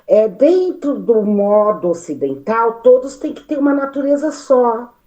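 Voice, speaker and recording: Brazilian woman, unhurried, dark warm tone, restarts a lot. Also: on the high side, low-quality recording. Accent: Brazilian Portuguese. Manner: animated, gesturing, many fillers and restarts. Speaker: study group participant. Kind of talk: spoken reflection in a study meeting.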